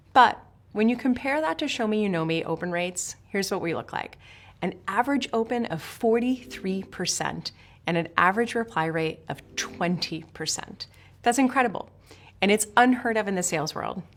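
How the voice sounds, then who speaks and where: A woman's voice: medium pitch, a bit bright. A woman from Switzerland narrating a sales course in an upbeat, emphatic coaching manner, speaking straight to the viewer. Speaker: sales instructor.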